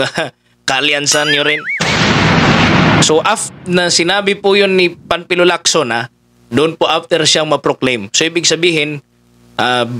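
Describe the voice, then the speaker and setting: A man's voice: fairly high pitch, sharp tone. A man giving casual political commentary, talking conversationally with many fillers as he addresses his listeners.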